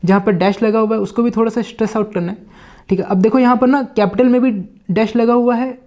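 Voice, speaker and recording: Indian man teaching vocabulary, mellow voice. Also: high-pitched, fairly even intonation, muffled recording. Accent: Indian English. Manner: reads English lines slowly, then explains in Hindi with many "ठीक है" fillers. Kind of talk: Hindi-English lesson explaining a book line by line.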